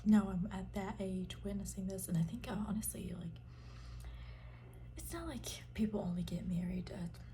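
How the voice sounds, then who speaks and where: A young woman whispers right up against the ear in a soft, dark-toned ASMR style. Her chat is informal and rambling, breathy and intimate. A light ambient noise sits behind the voice. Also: medium pitch, normal speed. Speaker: ASMR content creator.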